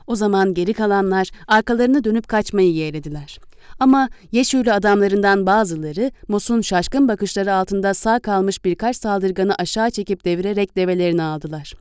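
A woman reading a historical novel aloud as an audiobook narrator, in a measured, deliberate way. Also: medium pitch, darkish tone, clean tone, dry recording, clean studio sound.

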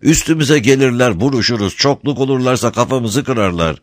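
A man's voice: mid-range voice, a little fast, dry recording, clean studio sound, voice pushed up, natural voice. A man voicing a humble, pleading wandering Bedouin shepherd in a read-aloud story. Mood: earnest. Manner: pleading, servile, repeats he is a sacrifice.

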